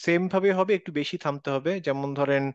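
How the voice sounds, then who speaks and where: A man teaching recitation in an online class, sounding each sound out slowly and repeating it. His voice sits a little high, and it comes through dull and dry, like audio from a video call. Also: clean tone, dry recording.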